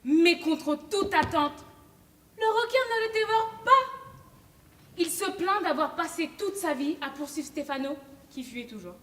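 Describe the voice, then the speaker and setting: A woman playing a calm young storyteller. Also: very high-pitched, heavily acted. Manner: gentle, measured storytelling. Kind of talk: stage play acting. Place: theatre stage, large hall. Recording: echoey hall, faint noise.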